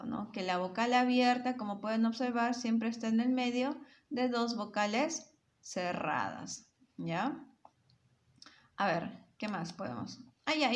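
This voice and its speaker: A woman teacher giving a grammar lesson to children, often checking in with short tag questions and sounding words out syllable by syllable. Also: a little high.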